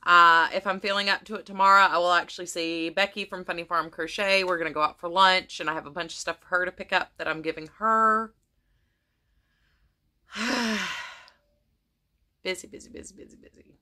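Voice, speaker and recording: Woman, casual crafting chat, bright forward tone, a little hoarse, rambling with ums. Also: on the low side, steady tone, fast talker, hardly any pauses. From United States. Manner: rambling, many ums and restarts. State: losing her voice. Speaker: crafting vlogger.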